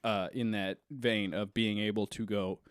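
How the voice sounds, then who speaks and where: A man's voice: lowish voice, fairly even intonation, unhurried, no echo, studio quality. A man co-hosting a casual podcast, talking bluntly and jokingly, with plenty of swearing. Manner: blunt, joking, profane, supportive. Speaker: podcast co-host.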